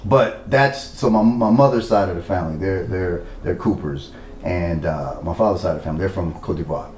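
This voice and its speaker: A man speaks as an interview guest in a conversational storytelling style. His pitch sits a little low. The recording is echoey, with faint noise in the background. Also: a little fast, darkish tone. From Liberia. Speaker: podcast guest.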